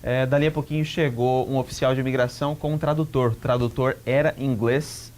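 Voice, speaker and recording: A man with a Brazilian Portuguese accent, a guest entrepreneur calmly telling his life story in an interview. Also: medium pitch, fairly quick. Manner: calm storytelling with small restarts.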